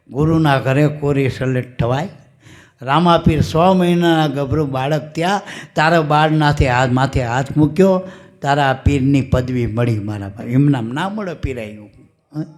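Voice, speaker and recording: Male spiritual teacher, Gujarati accent, homespun storytelling sermon at a devotional gathering. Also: a little high. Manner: folksy, storytelling, addresses listeners as "my dear". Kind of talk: devotional satsang discourse.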